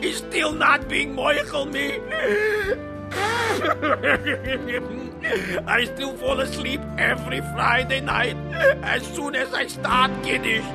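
Guy playing high gravelly-voiced mill worker, worried and pleading, slow, music behind. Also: full character voice. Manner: fretful, exclaiming, pleading. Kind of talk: audio drama acting.

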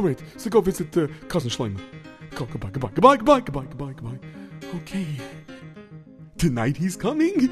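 A man playing an excitable, self-important pious man in a told story, theatrical, muttering and exclaiming. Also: high-pitched. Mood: flustered, dismissive.

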